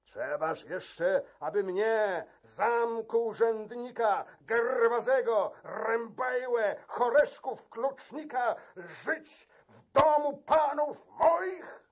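A man voicing an old male castle key-keeper, fiery and defiant, shouting indignantly in a dramatic verse reading. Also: extremely high pitch, lively intonation, extremely slow, breathy edge, muffled recording, voice pushed up, heavily acted.

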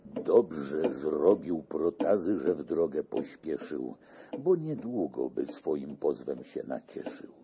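A man narrating a classic narrative poem in a slow, deliberate recitation. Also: extremely low pitch, big pitch swings, gravelly, mellow, slight background noise.

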